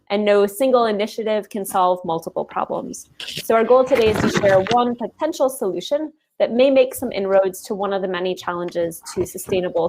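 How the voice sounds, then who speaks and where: A woman researcher leads a panel discussion. She lays out the topic in a measured, explanatory way and hesitates often with ums. Her pitch sits in the middle range. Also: a little mellow.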